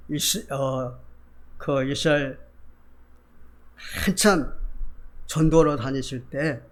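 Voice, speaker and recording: A man preaching a Sunday sermon as pastor, asking the congregation rhetorical questions. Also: high voice. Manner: acts out Bible figures in quoted voices.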